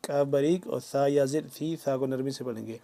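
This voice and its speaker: A man teaching Quran recitation, drawing each verse out slowly, then explaining pronunciation rules in quick plain speech. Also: mid-range voice, creaky, dark tone. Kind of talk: tajweed lesson, slow word-by-word recitation.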